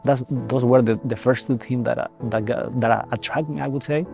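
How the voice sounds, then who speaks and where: A young man speaks in a low, mellow voice with a gravelly edge. He talks haltingly, repeating words and restarting phrases as he reflects. Soft music plays faintly behind him. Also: steady tone. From El Salvador. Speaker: seminarian. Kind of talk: reflective personal testimony.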